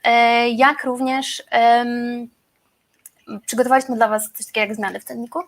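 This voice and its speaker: A woman's voice: a little high, flat delivery, moderate pace. A woman with a Polish accent hosting and introducing an informal webinar. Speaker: webinar host.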